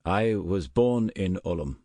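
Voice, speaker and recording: A man's voice: low-pitched, expressive, slow, warm tone, no room sound, exaggerated voice. A man voicing an earnest, careful German officer who has defected, answering questions politely in an audiobook. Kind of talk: audiobook character voice.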